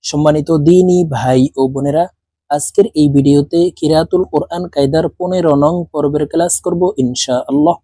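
A man teaching Quran recitation, explaining the rules and then spelling letters slowly, one syllable at a time, for learners to repeat. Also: on the high side, steady tone, dark tone, husky, no echo, studio quality. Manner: slow, deliberate syllable-by-syllable spelling for the class to repeat. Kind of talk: spoken lesson with spelled-out drills.

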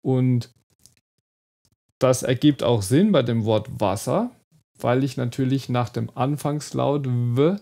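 A man gives an online German lesson, working through pronunciation step by step. He talks slowly and demonstrates each sound with care. His voice carries a noticeable gravelly fry. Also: medium pitch, mellow. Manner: slow, careful demonstration of sounds. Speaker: German teacher.

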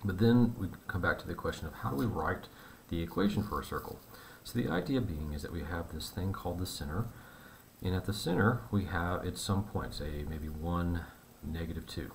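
Low-voiced guy walking through a math problem, laid back, bit of faint room noise. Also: moderate pace, creaky. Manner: relaxed, conversational explaining with fillers. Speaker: math teacher. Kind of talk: whiteboard math lesson.

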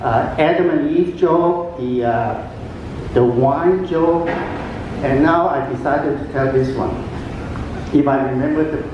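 In a big cruise-ship atrium, a talent show contestant, an older native Cantonese speaker, does stand-up in a chatty style with frequent pauses and fillers. His handheld mic runs through an echoing PA and a far-off camera records it, leaving the audio muffled with background noise.

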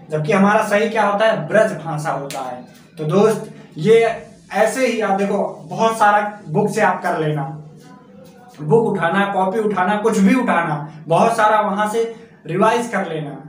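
A man teaching an exam-prep spelling lesson, repeating words and coaxing his class with questions. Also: sits high. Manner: repetitive, coaxing, keeps asking the class questions and calling them friend. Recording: echoey room from far off, faint noise.

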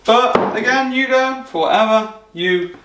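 A man's voice: very high voice, a little slow. A young man in his twenties vlogging casually as he does meal prep in a small home kitchen, talking to camera in an upbeat, chatty way. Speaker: fitness vlogger. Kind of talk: casual how-to vlog. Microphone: camera mic from across the room. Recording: echoey kitchen with clear background noise.

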